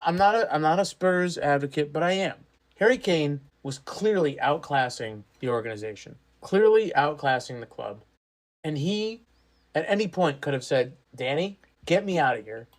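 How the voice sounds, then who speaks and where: A man's voice: a little high, lively intonation. A man chatting casually on a sports podcast, arguing his opinions firmly. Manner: opinionated, argumentative, quick to take positions. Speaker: podcast co-host.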